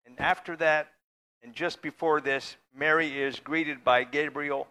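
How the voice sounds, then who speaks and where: A man preaching to his church in a loose, conversational way, now and then joking with the people in the pews. His voice sits a little high and rings bright and forceful. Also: steady tone, unhurried. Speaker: pastor. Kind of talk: sermon.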